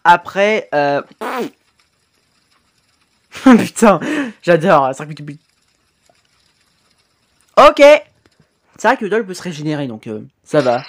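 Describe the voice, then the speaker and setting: Excitable French man with a lively, high voice. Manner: excitable, swears often, exclaims at the screen; hesitant fillers and self-corrections. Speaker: YouTube reaction host. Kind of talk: casual reaction commentary.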